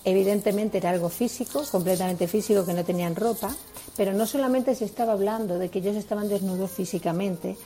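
Mellow-voiced Spanish woman preaching. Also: mid-range voice, quick pace. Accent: Spain Spanish. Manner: earnest, explanatory, asks rhetorical questions. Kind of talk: sermon on marriage.

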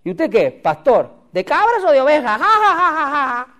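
A man's voice: extremely high pitch, very animated, brisk, mellow, pitched above the performer's own voice. A man preaching, acting out a sneering person who laughs at and mocks believers. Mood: sneering mockery. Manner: mocking laughter, exaggerated dismay. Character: sneering mocker of believers, cackling.

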